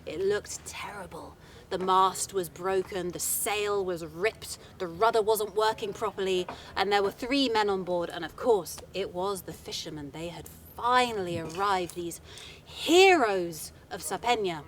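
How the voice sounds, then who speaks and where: A woman telling a folktale live to an audience, in a chatty, animated way with playful asides. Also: mid-range voice, measured pace. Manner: lively, chatty, dramatic asides. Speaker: storyteller.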